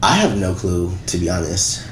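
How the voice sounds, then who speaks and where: A young man in his late twenties talks in a lowish, congested, nasal voice and laughs loosely between his words. He is hosting a relaxed chat at home. The room sounds echoey and bare. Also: moderate pace, noisy background. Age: late 20s. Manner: laughs often, loose and giggly. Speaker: podcast host. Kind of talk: casual chat. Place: apartment.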